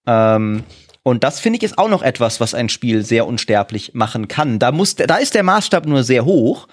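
A man in a podcast discussion, arguing in an animated, lively way with restarts. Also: medium pitch, moderate pace.

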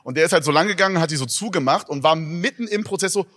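A man's voice: on the high side, fast, fairly bright tone. A young man co-hosting a live podcast on stage, chatting in a laid-back, slangy, teasing way. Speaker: podcast co-host. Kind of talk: live on-stage casual chat. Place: stage in a concert venue. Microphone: handheld stage mic. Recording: long reverb of a live venue.

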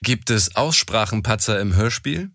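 A man's voice: fairly low pitch, lively intonation, normal speed, fairly bright tone, a little hiss or hum. A man working as an interviewer, asking plainly phrased questions.

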